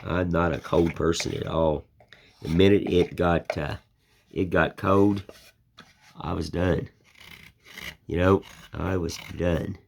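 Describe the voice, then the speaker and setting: This woodcarving channel host, an older man from the United States, talks low and steady, slow and gravelly, with long pauses. His folksy, plainspoken chat rambles as he shows off his work, over a little hiss or hum.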